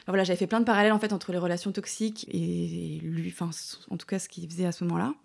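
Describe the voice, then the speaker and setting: Chatty French woman guest, quick talker. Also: lowish voice, level tone, gravelly, breathy edge. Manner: chatty, many fillers, drops to near-whispers. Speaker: podcast guest. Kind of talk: casual interview chat.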